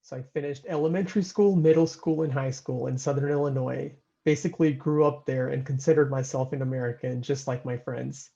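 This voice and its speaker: A young man from India calmly introducing himself and his background. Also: medium pitch, a little fast, vocal fry, hardly any pauses. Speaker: interviewee. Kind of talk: personal introduction. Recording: dull lo-fi sound.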